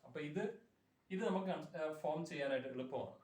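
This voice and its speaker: Heard at a distance from the mic in a reverberant room, a man teaches Malayalam grammar quickly, his voice a bit high with a darkish tone. He goes over word forms patiently again and again, regularly making sure the class keeps up.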